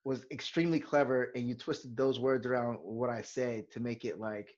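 Casting note: male podcast co-host, slangy casual chat, mid pitch, dull lo-fi sound. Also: steady tone, normal speed, darkish tone. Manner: laid-back slangy, drops into a low mumble at line ends.

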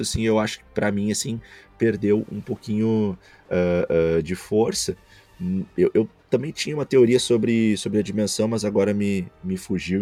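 Low husky man chatting on a podcast. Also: warm tone. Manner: thinks aloud, often checks in with "né?". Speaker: podcast co-host. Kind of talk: casual pop-culture podcast chat.

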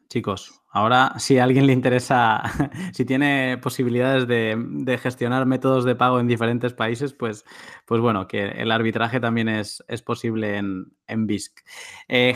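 A man's voice: medium pitch, fairly bright tone, no room sound, clean studio sound. A man hosting a casual talk, summing up points for listeners in a conversational way. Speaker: host.

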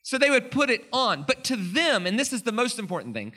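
A man preaching a teaching sermon in an animated way, repeating phrases for emphasis and prompting his listeners. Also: very high-pitched, brisk.

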